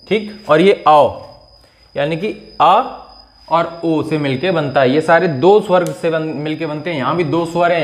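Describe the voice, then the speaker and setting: Man teaching, drawn-out vowel demonstrations. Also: on the high side. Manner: explanatory, checks in often, drawn-out vowel demonstrations. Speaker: Hindi teacher. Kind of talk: exam-prep grammar lesson.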